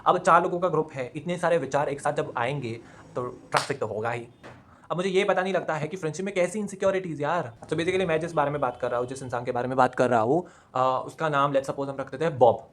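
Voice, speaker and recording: A man's voice: a little high, quick pace, a bit bright, slight background noise. A young man chatting casually at home, telling a personal story and mixing English phrases into his talk.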